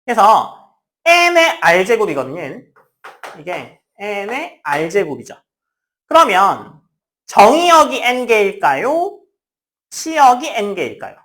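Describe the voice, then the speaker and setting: Lively woman teaching math. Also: mid-range voice, takes it slowly. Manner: lively, talks to students in casual speech, acts out student lines. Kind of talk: classroom lecture.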